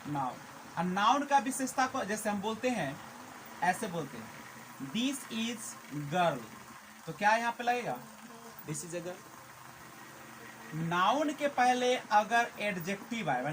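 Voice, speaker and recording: Male English teacher, unhurried drawn-out classroom delivery, faint noise behind. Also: sits high, expressive. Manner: quizzes the class, slow and drawn out. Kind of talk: classroom lecture. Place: classroom with students.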